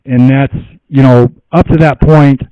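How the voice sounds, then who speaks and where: Man, interview guest, meandering storytelling, frequent laughs, mid pitch, dry lo-fi radio sound. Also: steady tone, measured pace, no room sound. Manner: meandering, laughs often, lots of fillers. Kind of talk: rambling personal storytelling.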